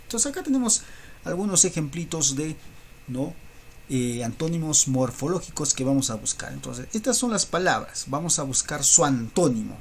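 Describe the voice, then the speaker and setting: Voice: medium pitch, a little hiss or hum. A teacher giving a recorded school lesson, explaining step by step and checking in with rhetorical tag questions.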